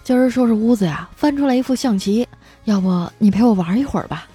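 A vain, quick-tempered mother, put on by a woman comic, pitched up high and sing-song. Her teasing goes shrill and sharp whenever she gets riled. Faint music plays behind her. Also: animated, husky. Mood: coaxing.

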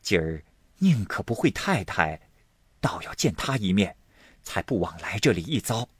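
A man doing a brisk, knowing housekeeper woman. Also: lowish voice, sing-song, breathy edge, dry recording, clean studio sound. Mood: confident. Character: shrewd, talkative middle-aged housekeeper woman. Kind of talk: storytelling.

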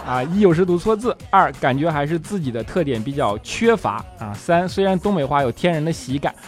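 A man's voice: fairly high pitch, expressive, brisk. A man hosting a casual show, reading listener comments and answering with teasing jokes and frequent laughter. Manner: jokey, laughs often, teasing replies. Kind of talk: casual chat. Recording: music playing behind.

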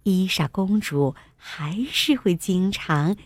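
A woman telling a bedtime story to small children in a gentle, sing-song way, at times dropping to a whisper. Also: on the low side, takes it slowly, no echo, clean studio sound.

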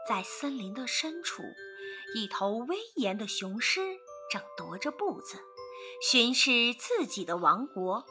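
A woman narrating a storybook for children in an expressive, sing-song way. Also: a little high, unhurried, over music.

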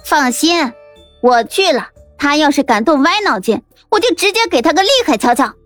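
A man voicing a feisty, bossy young daughter who snaps back with quick, scolding retorts in an audiobook. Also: very high voice, lively intonation, a bit bright, no echo, soft background music, voice pushed up. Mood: cocky, fierce.

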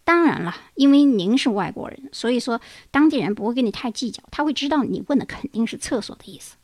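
High-voiced Chinese woman, chatty teacher. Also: lively intonation, quick pace, no echo. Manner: chatty, anecdotal, with rising exclamations. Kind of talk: casual lecture on living in America.

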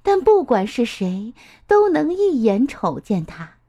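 Slow, sing-song woman storyteller. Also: fairly high pitch, big pitch swings, warm tone. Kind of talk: children's story reading.

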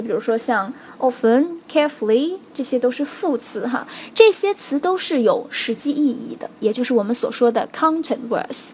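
A woman teaching a spoken English lesson, explaining stress rules clearly and stopping to check in with her students. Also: high-pitched, darkish tone, a little hiss or hum. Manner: explains slowly and clearly, stressing example words, checks in with "OK?" and "right?".

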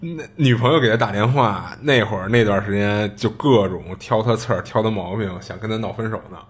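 Low-voiced man telling a ghost story. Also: a little fast. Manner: chatty, colloquial, with many filler restarts. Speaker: podcast host.

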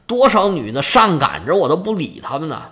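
A smug, leering young prince, as a male storyteller puts him on, with a mocking, swaggering manner. His voice sits fairly high and swings widely up and down. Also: big pitch swings, fairly quick, a bit bright.

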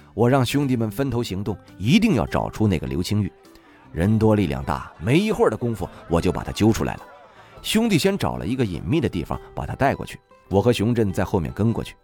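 A man narrating a novel in the first person, wry and expressive. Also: fairly low pitch. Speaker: audiobook narrator.

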